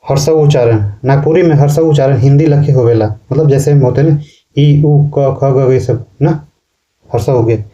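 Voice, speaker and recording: A man teaching a class in slow, repetitive explanations, often ending sentences with a questioning tag. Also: mid-range voice, dark tone, highs cut off. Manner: explains slowly, repeats words and ends sentences with a questioning "ना". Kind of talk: classroom lecture.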